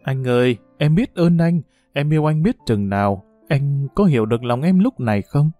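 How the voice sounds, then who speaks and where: A man's voice: mid-range voice, expressive, moderate pace, warm tone, dry recording, faint music behind, lightly acted. A man reading the lines of a frightened young wife who pleads anxiously with her husband. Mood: pleading.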